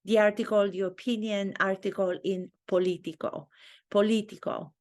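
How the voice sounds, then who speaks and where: A woman with a Romanian accent, who teaches acting, comments to camera in her own video while thinking things through, earnest and reflective. Her voice is medium-pitched and a little mellow, with fairly even intonation and a moderate pace.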